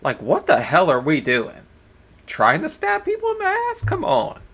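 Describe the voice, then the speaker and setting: A man's voice: a little high, normal speed. A man hosting a reaction video, giving blunt, crude casual commentary. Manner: blunt, crude jokes, animated.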